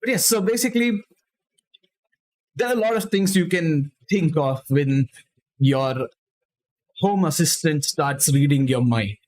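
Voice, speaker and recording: Young male streamer, rambling casual reader, slightly high voice. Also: unhurried, long pauses, darkish tone. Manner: loose, rambling, many fillers. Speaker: streamer reading writing prompts. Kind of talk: casual live-stream chat and story reading.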